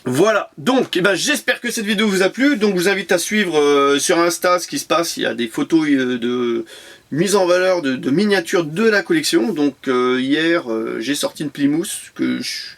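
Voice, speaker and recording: Man, collector vlogger, upbeat and chatty, slightly high pitch, loose home camera recording. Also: moderate pace. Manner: enthusiastic, repeats words, many fillers. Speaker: toy car collector vlogger. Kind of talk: casual unboxing commentary.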